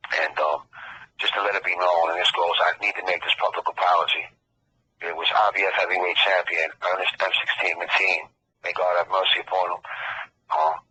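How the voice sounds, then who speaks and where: A man's voice: low voice, bright, forceful tone, husky. A middle-aged man from Queens with a New York accent, earnestly telling his own detailed story as testimony on a prison phone call.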